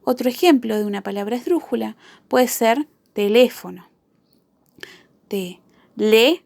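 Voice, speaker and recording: A woman teacher giving a spelling lesson to children, repeating each example word slowly and carefully. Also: on the high side, gravelly, darkish tone, dry recording, clean studio sound.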